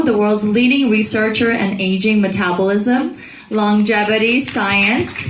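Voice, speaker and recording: A woman moderating a film festival panel, formally introducing the guests. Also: medium pitch. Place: festival screening room. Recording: echoey room.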